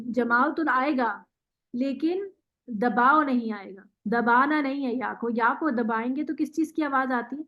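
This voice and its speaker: A woman teaching Quran recitation in an online class, patiently modelling words slowly and praising the student. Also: high-pitched, highs cut off. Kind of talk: online tajweed lesson.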